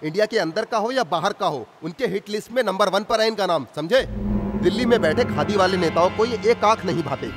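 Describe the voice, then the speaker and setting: An actor dubbing a stern official who lectures a village committee, over film music. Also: male voice, sits high, animated, brisk. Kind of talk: Hindi film dub.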